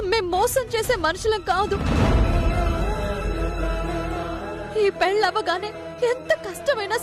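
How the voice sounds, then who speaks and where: An actress playing an anxious young woman guarding her sister's wedding, earnest and pleading. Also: extremely high pitch. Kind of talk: TV serial acting.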